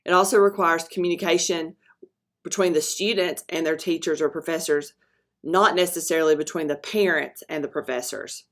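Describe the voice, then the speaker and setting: Woman narrating a screencast, somewhat low voice. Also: fairly even intonation, fairly bright tone. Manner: halting, with frequent ums and self-corrections. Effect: narration recorded over a screen recording. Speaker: school dual enrollment presenter. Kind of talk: screencast presentation voice-over.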